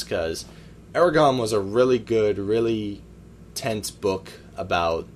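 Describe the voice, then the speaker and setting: In this low-pitched voice, a podcast co-host meanders through his takes on films, pausing with plenty of uncertain fillers. The talk is a loose, casual chat about movies. There's some slight background noise.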